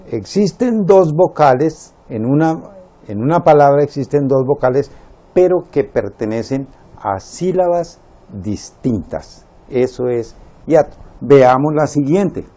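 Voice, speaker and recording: A man teaching a Spanish lesson, slowly spelling out words syllable by syllable and counting them. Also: mid-range voice, lively intonation, dark tone. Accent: Latin American Spanish.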